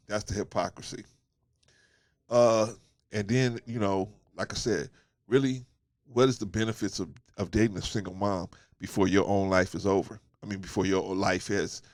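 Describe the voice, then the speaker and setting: Hosting his own channel, a man with a lowish voice and a stuffy, cold-clogged nose delivers a casual opinion monologue. He is emphatic and preachy, repeating his points and asking "right?", and the studio recording is clean with no echo.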